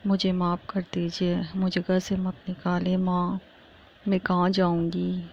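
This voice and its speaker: A woman's voice: lowish voice, monotone, unhurried, a little mellow, slight background noise. A woman voicing a meek ten-year-old girl who begs and pleads, on a muffled lo-fi recording. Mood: pleading. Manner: pleading, begging forgiveness.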